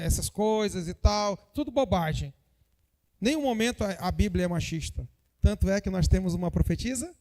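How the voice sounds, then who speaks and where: High-voiced man teaching a Bible lesson. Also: dark tone, big-room sound. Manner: joking asides, frequent tag questions; addresses the congregation directly. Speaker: Sunday school teacher.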